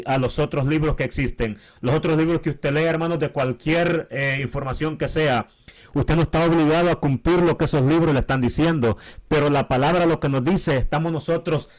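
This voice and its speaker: A man co-hosting a Bible teaching with his wife, speaking slowly and warmly addressing his listeners as brothers. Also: on the high side. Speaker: pastor.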